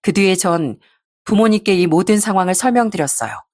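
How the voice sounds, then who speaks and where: A woman's voice: medium pitch, expressive, fairly quick, darkish tone, dry recording, studio quality. A woman narrating a scripted first-person story in an indignant storytelling manner.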